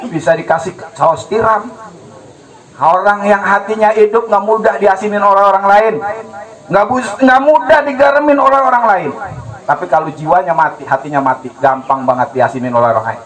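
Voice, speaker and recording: A man preaching a humorous, animated sermon to a gathering, acting out dialogues and asking the audience questions. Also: sits high, moderate pace, low-quality recording. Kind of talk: lively religious sermon. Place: gathering hall with live audience.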